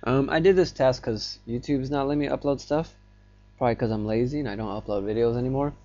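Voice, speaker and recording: A man's voice: medium pitch, fast talker, mellow, highs cut off. A young man telling a rambling personal story to his phone camera in a casual vlog, full of fillers. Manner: rambling, filler-heavy, grows agitated as the story builds. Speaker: vlogger.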